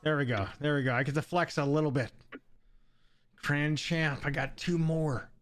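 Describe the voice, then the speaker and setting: A man's voice: a little high, fairly even intonation, fairly bright tone. A man chatting casually with a friend while gaming, joking, swearing and laughing often. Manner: profane, joking, quick to laugh. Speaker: gamer. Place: Saint Louis.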